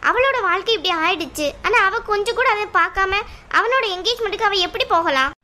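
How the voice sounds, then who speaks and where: A woman voicing a stubborn, hot-tempered younger sister in a cartoon, sharp and argumentative. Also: extremely high pitch, animated, quick pace, heavily acted. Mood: defiant. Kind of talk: cartoon voice acting.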